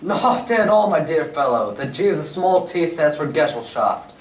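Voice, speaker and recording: A distant, roomy stage recording of a man playing a self-assured detective in an old-style radio play. He is urbane and precise, lecturing with lively swings of pitch. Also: normal speed. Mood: keen, instructive. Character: Sherlock Holmes, brisk self-assured male English detective. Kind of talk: stage reading of a golden-age radio drama.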